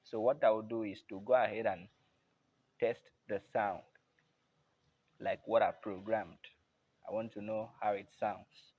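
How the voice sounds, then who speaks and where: A man's voice: fairly low pitch, fairly even intonation, measured pace, long pauses, phone-quality sound. A man giving a patient, casual step-by-step keyboard tutorial at his instrument. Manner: plain, patient, repeats "I believe you can hear".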